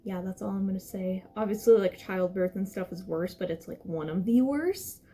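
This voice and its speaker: A woman's voice: mid-range voice, normal speed, mellow, soft background music. A young adult woman tells a personal story casually, rambling, correcting herself and stressing her points. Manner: rambling, self-correcting, emphatic. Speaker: vlogger telling a personal story.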